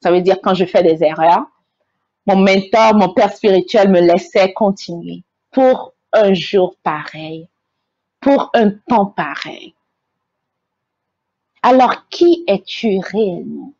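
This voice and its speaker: A woman's voice: mid-range voice, slow, darkish tone, no room sound, dull audio. A woman from Togo, hosting a faith-based inspirational talk. She speaks earnestly, repeats her key phrases and stumbles over repeated words. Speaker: host, motivational speaker.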